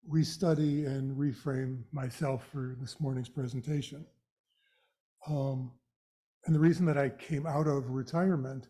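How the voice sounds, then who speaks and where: An older man with vocal fry giving an educational talk in a measured, halting, explanatory way. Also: mid-range voice, warm tone. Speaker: guest speaker, retired executive director. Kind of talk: educational presentation to a live audience.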